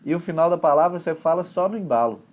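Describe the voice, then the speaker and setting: A man's voice: fairly high pitch, animated, quick pace, a little hiss or hum. Chatty Brazilian man teaching English. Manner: chatty, explains with homely examples. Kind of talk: conversation class explanation.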